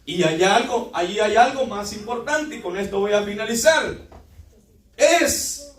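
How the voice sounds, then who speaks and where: A man's voice: sits high, lively intonation, a little slow, echoey room, far from the mic. A man preaching a fervent sermon in a church, often addressing the congregation as brothers.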